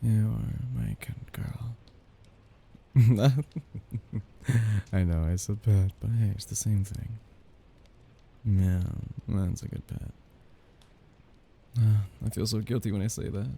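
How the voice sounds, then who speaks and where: His voice on the low side and steady in tone, a man plays a doting, possessive young mafia heir in intimate ASMR romance roleplay, heavily acted. Soft-spoken and halting, he laughs in breathy chuckles, and the feeling is tender and teasing.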